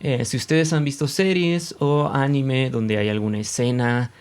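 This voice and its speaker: A man's voice: medium pitch, steady tone, measured pace, smooth, soft background music. A man with a central Mexican accent teaching Japanese pronunciation in a casual, explanatory video lesson, with many fillers, often sounding out examples aloud. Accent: Mexican Spanish.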